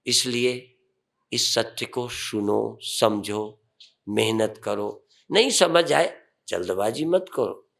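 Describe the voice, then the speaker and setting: In a lowish voice, an older swami leads a meditation calmly and without hurry. His pace is slow, his tone carries a gravelly fry, and he raises some phrases to emphasize them.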